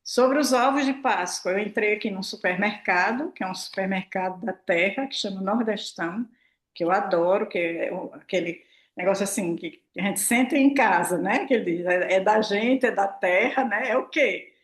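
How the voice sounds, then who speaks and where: A woman's voice: medium pitch, moderate pace. A woman, talking casually and expressively to her audience as a prosperity mentor, acting out her own remarks. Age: 60s. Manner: chatty, expressive, acts out her own quotes, tag questions. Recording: roomy echo.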